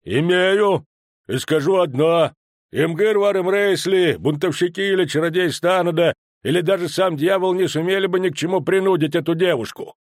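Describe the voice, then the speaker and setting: A man's voice: high voice, moderate pace, dry recording, studio quality, pitched above the performer's own voice, natural voice. A man voicing a stern old male dwarf veteran who lectures the others with firm emphasis in an audiobook. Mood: emphatic.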